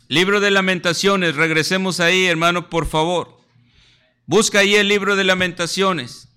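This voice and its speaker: A man's voice: high-pitched, fairly even intonation, moderate pace, bright, forceful tone, clear, resonant tone. A man preaching a sermon, emphatic, often calling listeners "brother" and acting out little scenes. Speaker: pastor.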